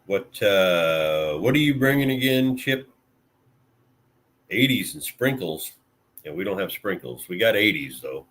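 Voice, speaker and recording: A man's voice: low-pitched, sing-song, a little slow, a bit bright. A man from Illinois chatting casually with live viewers, laid-back and rambling, with plenty of fillers and mild swearing. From Illinois, USA. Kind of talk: casual live-stream chat.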